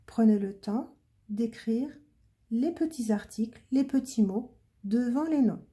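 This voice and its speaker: A woman teacher slowly and patiently talking children through handwriting letter by letter, in a clear step-by-step way. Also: on the high side, animated, mellow. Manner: slow, patient, clearly articulated dictation. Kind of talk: handwriting lesson, step-by-step instruction.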